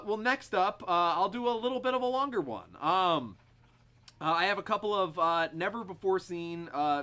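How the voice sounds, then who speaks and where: Guy reading out his comedy scripts, slightly high voice, lots of ums and uhs. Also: sharp tone. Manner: hesitant, lots of filler words.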